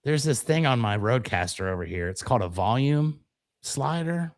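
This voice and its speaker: A man's voice: medium pitch, animated, normal speed. Self-deprecating man co-hosting a casual show. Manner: self-deprecating, storytelling, mock-dramatic. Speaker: show co-host and voiceover performer. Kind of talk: casual radio-show banter.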